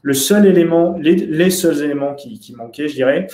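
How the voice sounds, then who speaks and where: A man's voice: on the high side, moderate pace, warm tone. A young man giving a webinar talk over slides on a video call, hesitant, with many fillers and restarts. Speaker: conference speaker. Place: indoor room. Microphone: webcam video call. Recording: roomy webcam audio.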